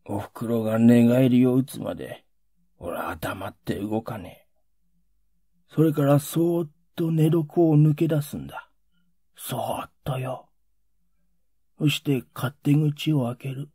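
A man doing a gravelly, rough Edo laborer. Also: medium pitch, measured pace, pauses often, dark tone, no room sound, studio quality, pitched above the performer's own voice. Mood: hushed. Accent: old Edo working-class. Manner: pleading, coarse street speech. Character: rough working-class Edo man, emotional.

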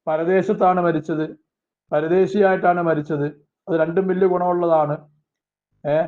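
Man teaching over a tinny line. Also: fairly high pitch. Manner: reads Arabic phrases slowly, then explains them quickly. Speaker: Islamic religious teacher. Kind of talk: religious text class. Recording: tinny phone-like lo-fi sound.

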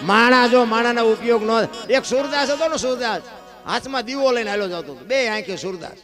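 Folk storyteller guy, high voice, faint music behind, goes loud then quiet. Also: brisk. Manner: emphatic rhetorical questions, swings between loud and hushed. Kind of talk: devotional folk discourse.

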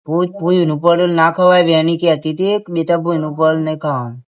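A man's voice: a little high, fairly even intonation, brisk. A man with a Gujarati accent playing a worried villager in an amateur comedy skit.

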